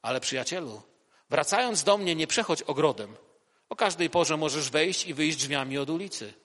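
Guy doing a kind old bishop, low and hushed, slow, echoey hall sound. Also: lively intonation. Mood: solemn. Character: old, gentle, kindly male bishop.

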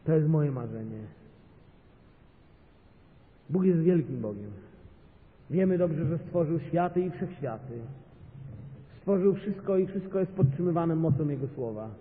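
A man delivers an impassioned sermon as a visiting pastor, his fairly high voice rising to loud, emphatic peaks. The sound is thin and phone-like, with a long reverb from a big hall. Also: expressive, measured pace, long pauses. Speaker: guest pastor.

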